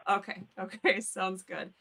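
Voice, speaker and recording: A woman's voice: medium pitch, fairly even intonation, a little slow, gravelly, sharp tone. Chatty woman hosting a live call-in. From Upper Peninsula of Michigan. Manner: chatty, informal, thinking aloud. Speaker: host of a live legal call-in show. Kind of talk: casual live-stream chat.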